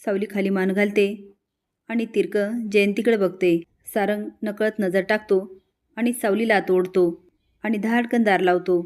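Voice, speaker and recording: A woman narrating an episode recap in a steady storytelling manner. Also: mid-range voice, unhurried.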